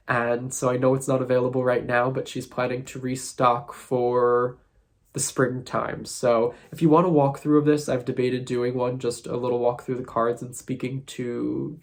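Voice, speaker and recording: A man whose voice sounds nasal and congested from sinus trouble talks through a casual vlog. His delivery is thoughtful and musing. His pitch stays fairly flat and even throughout. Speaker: tarot content creator.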